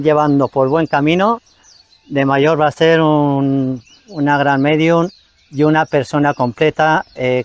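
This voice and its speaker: A man's voice: fairly high pitch, dry recording. Hesitant man, dry outdoor sound. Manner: hesitant, frequent fillers. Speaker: presenter and spiritual teacher. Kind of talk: explanatory talk.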